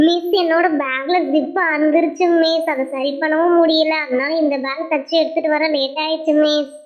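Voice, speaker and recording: A woman voicing a gentle young schoolgirl in a doll show, speaking politely and pleading. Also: sits high, fairly even intonation, normal speed, natural voice. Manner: polite, pleading, sobbing at times. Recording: tinny phone-like sound.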